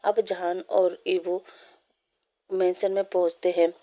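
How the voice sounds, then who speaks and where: Low, flat-voiced woman storyteller. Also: takes it slowly. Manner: steady, plain reading with small slips. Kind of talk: reading a fan story aloud.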